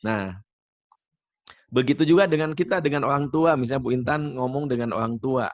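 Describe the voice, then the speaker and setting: A man's voice: medium pitch, brisk. A man teaching a workshop, chatty, telling personal stories and asking the group questions. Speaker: NLP trainer. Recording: dull lo-fi sound.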